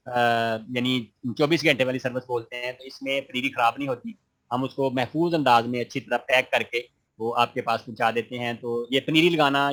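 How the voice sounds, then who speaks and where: A man teaches an online gardening class, reading students' questions aloud and answering them with patience and encouragement. His mid-range voice is a bit bright, and his friendly manner is full of religious phrases.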